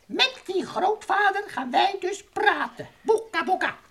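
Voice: extremely high pitch, animated, unhurried, gravelly, fairly bright tone, heavily acted. A performer voicing Professor Kwartje, a haughty, mischievous little alien who chatters grandly in nonsense-peppered speech in a children's radio play. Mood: confident, teasing. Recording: old radio recording with faint noise.

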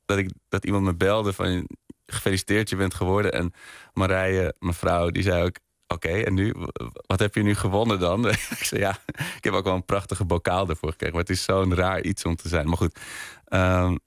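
Low-voiced, hesitant man in a dry studio. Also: level tone, a little fast, no echo. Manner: hesitant, self-deprecating, lots of restarts. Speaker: podcast maker, interview guest. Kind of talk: relaxed radio interview chat.

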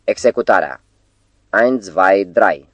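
A man's voice: low-pitched, lively intonation, a bit bright, no room sound. A man voicing a mocking male sidekick with a bleating, goat-like voice and a menacing way of talking, in an audiobook.

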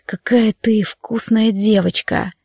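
A woman whispering as a husky male demon, whispered role-play. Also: medium pitch, steady tone, darkish tone, no room sound, studio quality, heavily acted. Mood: hoarse purr. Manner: slow, purring. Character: seductive male demon professor, hungry and purring.

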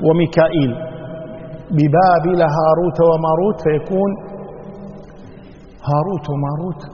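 Male scholar with a high voice, teaching a religious lesson, methodical and repetitive, dull lo-fi recording in a reverberant hall. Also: a little hiss or hum. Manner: explanatory, repeats and weighs readings of a verse. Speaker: Islamic scholar giving Quran commentary. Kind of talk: religious lesson to a live audience.

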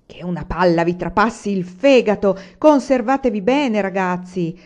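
A woman's voice: medium pitch, normal speed, a little mellow, close to an everyday voice. A woman reading aloud, voicing a grumpy old man who curses and sneers at the young. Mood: cursing. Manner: gruff, cursing and sneering. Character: grumpy old male vegetable grower, cursing.

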